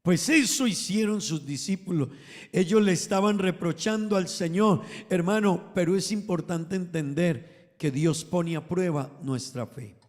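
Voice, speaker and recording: High-voiced preacher in a reverberant hall. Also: male voice, unhurried, a little mellow. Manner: emphatic, swells and drops in volume, addresses congregation as brothers. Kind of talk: sermon.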